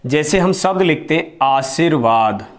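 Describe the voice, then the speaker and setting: A man with a somewhat high voice gives a classroom-style grammar lesson. He explains slowly and patiently, repeating terms and asking questions only to answer them at once. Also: expressive. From India. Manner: explains slowly, repeats key words, asks and answers his own questions. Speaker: teacher.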